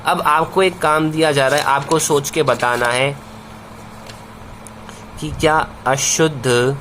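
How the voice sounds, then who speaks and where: A man's voice: a little high, steady tone, a bit bright, slight background noise. Man teaching, answering his own questions. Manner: asks questions and answers them himself, repeats key words; calls students "bhai", slows down on key answers. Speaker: science teacher. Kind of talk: classroom-style video lesson.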